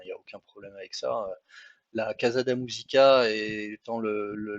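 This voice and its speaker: A man's voice: medium pitch, fairly bright tone, no room sound. A man with a French accent narrating a travel slideshow in a chatty, hesitant, apologetic way. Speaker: travel vlogger. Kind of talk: casual travel commentary over photos.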